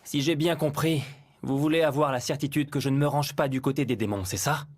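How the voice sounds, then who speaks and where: A man voicing a calm, shrewd hero who hates conflict, in an anime dub. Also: fairly high pitch, fairly quick, a little hiss or hum, close to an everyday voice. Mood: sly. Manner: calm, sly, reasoning. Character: shrewd, peace-loving husband who is a hero.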